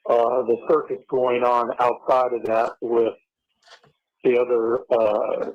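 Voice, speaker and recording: An older man speaking on a speakerphone call with his son, halting and full of uh and um fillers. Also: mid-range voice, little pitch movement, a little mellow. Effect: heard through a phone line on speaker. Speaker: father on a jail phone call. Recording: muffled phone line.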